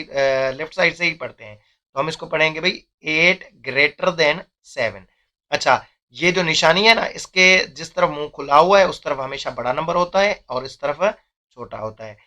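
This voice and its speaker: A man's voice: on the high side, pushed and bright. A young man, teaching a math lesson step by step and often checking in with "theek hai".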